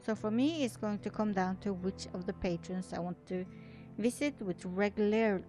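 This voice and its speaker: With soft music in the background, a non-native English-speaking woman who hosts gaming videos reads an article and adds casual remarks. Her mid-range voice is warm and moderately paced, though she frequently trips over words and restarts.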